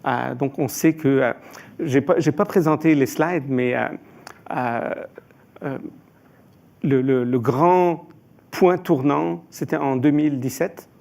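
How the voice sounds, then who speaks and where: A man's voice: mid-range voice, vocal fry, a little mellow. A man from Iran answering as an expert panelist, hesitant, with frequent filler sounds and restarts.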